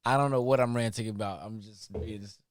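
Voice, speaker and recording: A man sits in as a podcast guest, relaxed and encouraging, with slangy phrasing. His voice is low, and the recording is dry and close. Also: fairly quick, no room sound. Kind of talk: casual chat.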